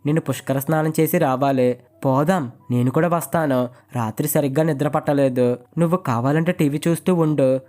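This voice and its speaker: A woman's voice: low voice, normal speed, dark tone, lightly acted. A man narrating a storybook and reading the lines of a bold, scheming young married woman who talks in a teasing, coaxing way.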